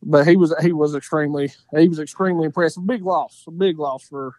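A man's voice: fairly high pitch, fairly even intonation, a little fast, a little mellow, no room sound. A man with an Appalachian accent talking casually as an interview guest, telling hunting stories in a folksy way and repeating phrases for emphasis. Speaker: podcast guest, coon hunter.

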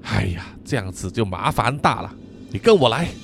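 A grim, stern village boy, as a male narrator puts him on who scolds in a cold, flat tone broken by weary, exasperated sighs. His voice sits near the storyteller's own range but comes out more hushed and severe. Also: high voice, normal speed, slight background noise, voice pushed up. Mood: cold scolding. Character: stern, cold dark-skinned local boy.

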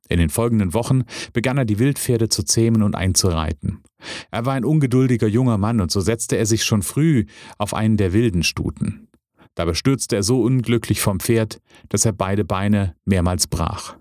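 A man narrating a parable in a steady, measured storytelling style. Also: lowish voice, dry recording, clean studio sound.

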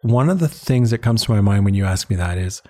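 A fast-talking man with a lowish, darkish voice and lively intonation shares personal stories as an interview guest. He runs an international eye-care charity, was born in Uganda and later lived in Canada, and speaks in an earnest, reflective, conversational manner, repeating words for emphasis.

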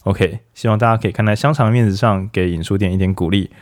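A man's voice: lowish voice, fast talker. A man hosting a casual book talk, chatty and joking, firing off rhetorical questions. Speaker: podcast host of a book talk.

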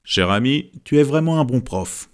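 A man's voice: medium pitch, moderate pace, voice pushed up, lightly acted. A man voicing a joking, gallant middle-aged husband in an audiobook. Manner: joking, flattering.

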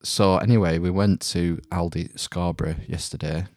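A middle-aged man co-hosts a loose, joking podcast from inside a small caravan. His voice sits low, and the sound is tight and dry with very little room. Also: fairly even intonation, normal speed, a little mellow, no echo. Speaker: podcast co-host. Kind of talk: casual comedic podcast chat. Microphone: online call, close dry sound.

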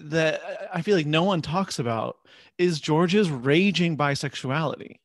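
A man co-hosting a podcast in casual comedic chat, playful with quick asides. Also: a little high, expressive, dry recording. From lived in the American South. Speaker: podcast co-host.

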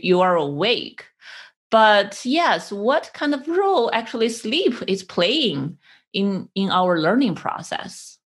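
A woman hosts a podcast interview, asking questions in a chatty, enthusiastic way with quick laughs. Her voice is a little high and fairly bright.

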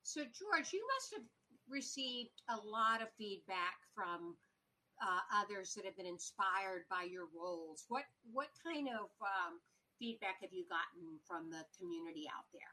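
Woman, interviewer, bright tone, short encouraging questions. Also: mid-range voice, lively intonation, measured pace, low-quality recording. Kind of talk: casual interview.

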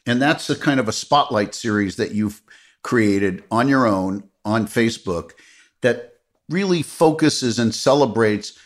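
A man's voice: medium pitch, animated, a little slow. A middle-aged man interviewing a guest, asking long expansive questions with emphatic, repeated phrases. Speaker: interviewer host.

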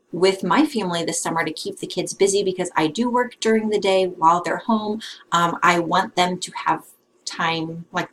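A woman's voice: fairly low pitch, a bit bright, slight background noise. A woman in her thirties hosting an interview, chatty and self-deprecating. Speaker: podcast host. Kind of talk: casual interview.

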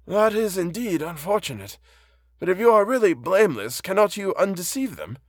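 Man putting on a high-voiced, kindly old man. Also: sing-song, normal speed, slightly rough, dry recording, clean studio sound, heavily acted. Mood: gentle, sympathetic. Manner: gentle, courteous, formal. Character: kindly blind old man, a poor exile.

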